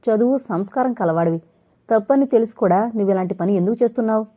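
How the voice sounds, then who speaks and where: A kind young man talks gently and earnestly to a troubled friend, as a woman narrator puts him on. The delivery is quick and sincere over a mellow, warm tone, in an audio novel. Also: fairly high pitch, natural voice.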